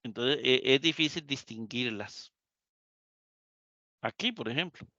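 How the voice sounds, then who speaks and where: A man's voice: medium pitch, animated, measured pace, bright, forceful tone, no echo, dull audio. A man teaching Greek in a live class lecture. He repeats the key points and keeps asking the students questions.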